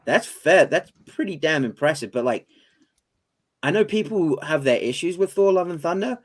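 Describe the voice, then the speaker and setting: A man's voice: on the high side, animated, moderate pace. A British man co-hosting a casual movie debate. He sounds enthusiastic as he runs through his points. He drops casual swear words along the way. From Britain. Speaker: co-host.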